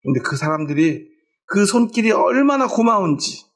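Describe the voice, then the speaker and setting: A man's voice: high voice, big pitch swings, normal speed. A middle-aged male pastor preaching a sermon, asking the congregation questions and answering them himself, with homely everyday stories. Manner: tells homely everyday stories to make his point. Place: church.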